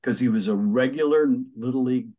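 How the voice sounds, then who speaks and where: Older guy telling stories in an interview, lively, does little voices for people he quotes. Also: medium pitch, brisk. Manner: animated, acts out quoted voices. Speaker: author and minister. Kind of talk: interview storytelling.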